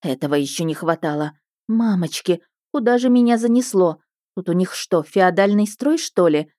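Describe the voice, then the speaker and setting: A woman narrating an audiobook in the first person, expressive and wry. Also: on the low side, normal speed, no room sound, clean studio sound.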